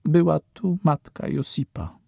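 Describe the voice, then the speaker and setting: A man voicing an anxious, insistent mother in a wartime shelter, pleading and softly persistent in an audiobook. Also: fairly high pitch, unhurried, vocal fry, no room sound, clean studio sound, voice pushed up, full character voice. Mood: coaxing.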